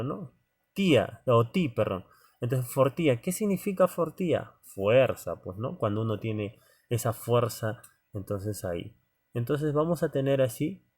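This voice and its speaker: A man teaching an informal class. He speaks at a medium pitch in a loose, conversational way. He keeps checking in with his listeners and talks to them directly. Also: darkish tone. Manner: conversational, many "¿no?" tags and fillers; addresses students directly as "joven". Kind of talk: informal lecture to students.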